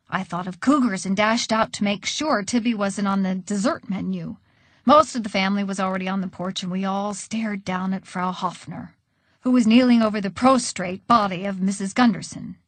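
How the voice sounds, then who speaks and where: A woman narrating an audiobook in an expressive, conversational storytelling manner. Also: mid-range voice, dry recording.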